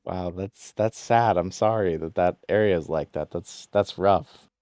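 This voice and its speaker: Easygoing man with a deep smooth voice. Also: measured pace, dry recording, studio quality. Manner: relaxed, easygoing storyteller. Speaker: podcast guest. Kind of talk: casual interview chat. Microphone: VR headset.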